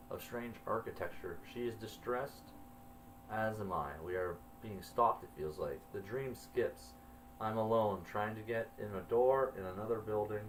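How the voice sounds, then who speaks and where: A man in his forties or older telling his own story in a measured, brooding, quietly puzzled way. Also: on the low side, a little hiss or hum, poor audio. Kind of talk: reflective first-person storytelling.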